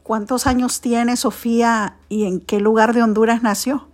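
Brief: woman podcast host, formal and courteous, mellow dark tone, faint music underneath. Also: on the high side, steady tone, normal speed. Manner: formal, polite, uses usted. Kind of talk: scripted podcast intro and interview questions.

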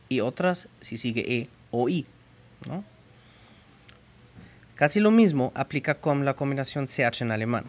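Man carefully teaching pronunciation. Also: mid-range voice. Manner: slow, careful demonstration of sounds and spelling. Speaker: language teacher. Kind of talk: explaining pronunciation to learners.

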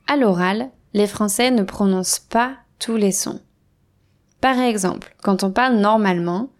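A French teacher, a woman, giving a scripted lesson with clear, deliberate explanations and spoken examples. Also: medium pitch, darkish tone.

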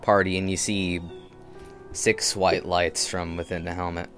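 A man's voice: deep voice, level tone, a little slow, fairly bright tone, soft background music. A man narrating as game master of a tabletop game, his voice cutting in and out over an online call.

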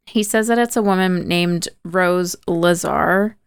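A woman with a very smooth, resonant, crisp voice, pitched a little low, talks through a film's plot in a relaxed, chatty way. She leans on "like" and "kinda" as she goes. The sound is dry and close. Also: takes it slowly, dry recording. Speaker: podcast host. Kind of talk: casual movie recap.

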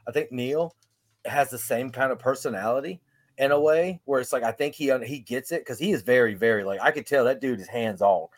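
A man's voice: mid-range voice, fairly quick, dry recording, clean studio sound. A man, a wrestler co-hosting a podcast, telling stories in a rambling, restart-heavy way. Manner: rambling, animated storytelling with many restarts. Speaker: pro wrestler, podcast co-host. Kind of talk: casual podcast banter.

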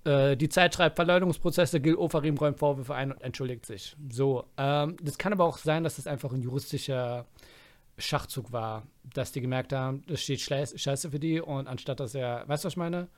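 A man co-hosting a casual comedy podcast, rambling and quick to slip into voices. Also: mid-range voice. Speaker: podcast co-host.

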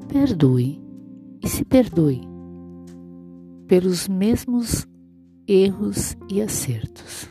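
A woman leading a guided relaxation meditation in a soothing, unhurried, instructing way. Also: mid-range voice, sing-song, dark tone. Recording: music playing behind the voice. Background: instrumental music.

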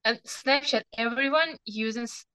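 A bright, slightly high young woman with a strong Ukrainian accent. She talks halting and searches for words. She is a guest in a casual interview over a dry video call. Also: clear, resonant tone, no room sound, rough recording. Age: young adult. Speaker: guest athlete.

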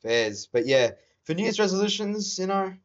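A young man co-hosting a casual podcast outdoors, rambling and trailing off into quiet asides. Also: sits high, big pitch swings, moderate pace. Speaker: podcast co-host. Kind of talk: casual chat over a game. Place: outdoors in a neighborhood. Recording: slightly dull audio.

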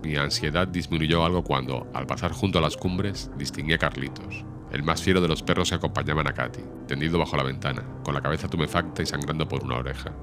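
A man with an extremely deep voice narrates a classic novel in a steady, measured way. He reads quickly. Background music plays under the narration. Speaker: audiobook narrator. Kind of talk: audiobook narration. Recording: music behind the reading.

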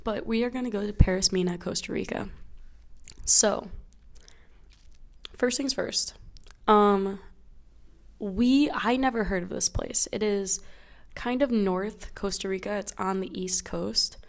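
A young adult woman hosts a casual solo podcast in a groggy morning voice that is mid-range, a bit slow, full of vocal fry, and often pausing. She tells a travel story in a chatty, self-deprecating way, speaking into a small clip-on lapel mic in a small study room.

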